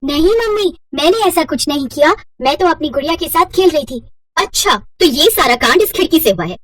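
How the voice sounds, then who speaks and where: A woman's voice: high-pitched, lively intonation, brisk, dry recording, recorded from a distance, voice pushed up. A woman voicing a quarrelsome, suspicious young mother in a cartoon story. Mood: scolding. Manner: sharp, suspicious.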